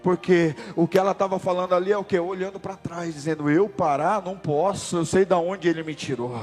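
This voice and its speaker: A man's voice: steady tone, brisk, faint music behind. Brazilian man preaching a testimony sermon. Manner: storytelling preacher, swells loud and high at climaxes. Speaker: pastor.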